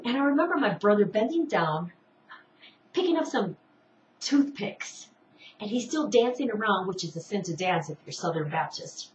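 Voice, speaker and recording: A woman's voice: medium pitch, expressive, moderate pace, slight background noise. A middle-aged woman from Indiana hosts an online show and wanders through personal stories, restarting and circling back often. She sits well back from the mic in an echoey room, and the sound is dull and muffled. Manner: rambling, many restarts and asides. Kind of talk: casual personal storytelling. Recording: distant, roomy, dull home recording.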